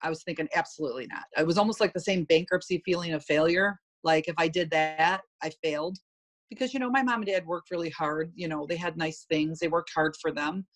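A middle-aged woman with a fairly low voice recounts her own story to an interviewer. She talks candidly and with animation. She slips into the voices of the people in her tale. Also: a little fast. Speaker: interview guest. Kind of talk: personal story in conversation.

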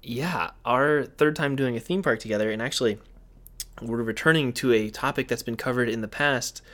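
A man's voice: medium pitch, moderate pace, a bit bright. A man hosting a podcast in casual chat, talking into a microphone with lots of fillers and playful asides. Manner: rambling, filler-heavy, playful. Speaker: podcast host. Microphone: studio podcast microphone.

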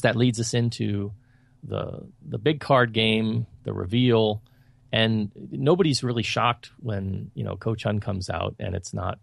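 Guy with a low gravelly voice rambling through a movie review, opinionated, dry close sound. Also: no room sound. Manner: opinionated, critical; loose, rambling delivery. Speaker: podcast co-host reviewing films. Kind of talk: casual film review chat.

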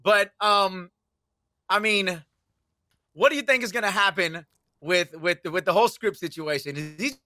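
A man's voice: high voice, sharp tone, no echo. A man co-hosting a sports talk show, chatting loosely and steering the conversation to new topics.

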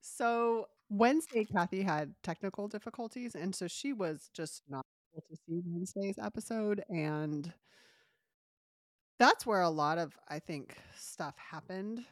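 A woman's voice: medium pitch, unhurried, no echo, studio quality. A woman with a cold, casually recapping a soap opera on a podcast and acting out the characters as she goes. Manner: animated storytelling, acting out characters' lines. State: has a cold, stuffy. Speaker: podcast co-host.

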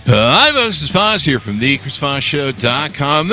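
A man's voice: on the high side, very animated, measured pace, bright, forceful tone, faint music behind. A man hosting a podcast with jokey, irreverent, ad-libbed showman patter, like a ringmaster. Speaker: podcast host.

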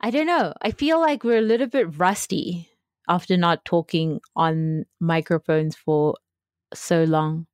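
A woman's voice: lowish voice, unhurried, no echo, studio quality. South african woman, chatty podcast host. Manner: chatty, laughs often, many fillers. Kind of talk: casual podcast chat.

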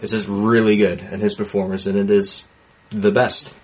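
Man, low voice, husky, measured, hedging, casual movie talk. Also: flat delivery, darkish tone. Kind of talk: casual movie podcast chat.

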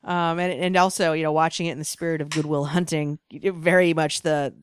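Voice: medium pitch, level tone, a little fast, a little hiss or hum. A speaker from Boston co-hosting a casual movie review chat, rambling and hedging, laughing often. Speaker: podcast co-host.

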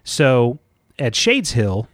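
A man's voice: mid-range voice, very animated, drawn-out words, fairly bright tone. A man chatting casually as co-host of a book podcast, recapping chapters in an easy mid-range voice. He slips into playful, jokey asides. The sound is dry and close, with no room echo. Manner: jokey, bursts into silly sing-song bits.

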